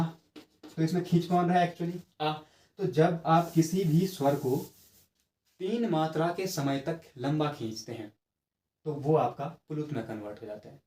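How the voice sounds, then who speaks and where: In an echoey room, a teacher runs an exam-prep grammar lesson, explaining step by step, checking in with students and drawing out sounds to demonstrate them. His voice is fairly high with a dark tone.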